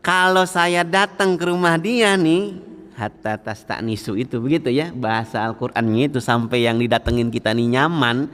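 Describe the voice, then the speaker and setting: A man delivers a sermon in a mosque hall, firing questions at the congregation and acting out little everyday scenes. His voice is smooth and resonant at a middle pitch. A long reverb trails his words. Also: a bit bright. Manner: engaging, quizzes listeners with frequent questions; acts out everyday scenes and quotes scripture slowly. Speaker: preacher.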